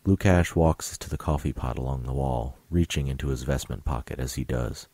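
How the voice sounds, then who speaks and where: A man reading stage directions as narrator of an audio drama in a flat, matter-of-fact way. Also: a bass voice, moderate pace, a little hiss or hum.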